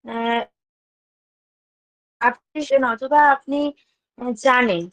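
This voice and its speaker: A woman's voice: on the high side, steady tone, drawn-out words, a bit bright, dry recording. Woman on a choppy, cutting-out call. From West Bengal, India. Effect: choppy, cutting-out audio over a bad connection. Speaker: session presenter. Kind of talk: online class presentation. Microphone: video call.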